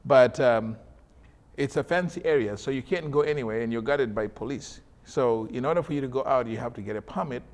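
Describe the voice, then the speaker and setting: A man's voice: medium pitch, a little fast, darkish tone. A man from South Sudan, a doctor, telling his story as an interview guest, hesitant with many fillers. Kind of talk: interview conversation.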